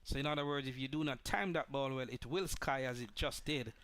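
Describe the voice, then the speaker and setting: A man working as co-commentator on a live cricket match, explaining plays in a measured way and murmuring agreement. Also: mid-range voice, a bit bright, clear, resonant tone. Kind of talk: live sports commentary analysis.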